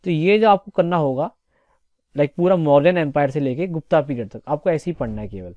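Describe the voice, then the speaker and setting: A man's voice: a little high, lively intonation, fairly quick, no room sound, phone-quality sound. A young man teaching exam preparation topics in a casual, chatty lecture style, often checking in with his students. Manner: chatty, repeats "theek hai" often.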